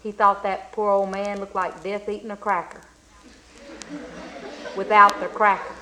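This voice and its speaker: A woman's voice: medium pitch, flat delivery, sharp tone, slight background noise, poor audio. Folksy woman telling a tale. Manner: folksy, drawn-out and emphatic. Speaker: storyteller. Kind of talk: folk storytelling.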